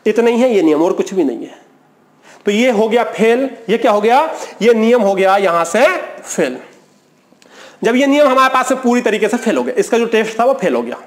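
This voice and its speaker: A man's voice: high voice, expressive, moderate pace. A man teaching a chemistry class in a colloquial lecture, asking rhetorical questions, answering them himself, and counting aloud for emphasis.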